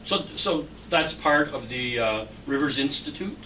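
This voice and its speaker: Male interviewer, measured delivery, bright edge, distant mic with faint background noise. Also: medium pitch, expressive. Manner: measured, reads a prepared introduction. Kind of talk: formal introduction then interview.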